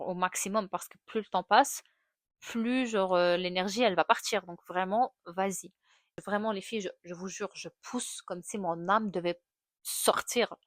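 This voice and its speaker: A woman's voice: mid-range voice, dry recording. Young woman, casual candid storyteller with lots of fillers, recorded close with a dry sound. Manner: candid, animated retelling with many fillers. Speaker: vlogger.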